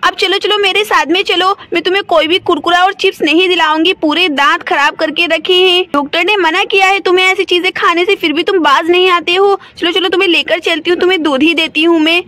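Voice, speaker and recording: A woman's voice: very high voice, steady tone, brisk, few pauses, sharp tone. A woman voicing a busy village mother in a doll story who scolds her son. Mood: scolding. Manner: bossy, scolding.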